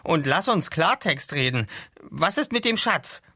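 A man's voice: a little high, sing-song, unhurried, pushed and bright, breathy edge, no echo, studio quality, voice pushed up, full character voice. A man reading aloud and voicing a formal, stately male ship's captain.

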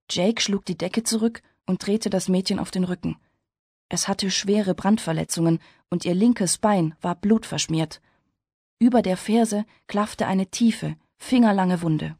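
A woman reading a story aloud in steady, measured scripted narration. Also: medium pitch, husky, no echo, studio quality. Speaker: audiobook narrator.

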